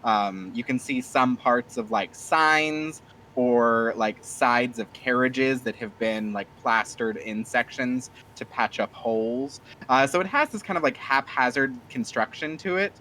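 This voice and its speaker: A man's voice: medium pitch, measured pace, sharp tone, a little hiss or hum, low-quality recording. A man narrating a tabletop game as game master, rambling with many fillers. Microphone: streaming mic.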